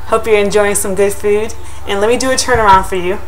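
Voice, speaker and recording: A woman's voice: medium pitch, fairly even intonation, a little fast, a little hiss or hum, low-quality recording. A young woman in her home kitchen, chatting upbeat to a webcam about a pie crust shield. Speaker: vlogger. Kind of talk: casual product review vlog. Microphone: built-in webcam mic, close to the camera.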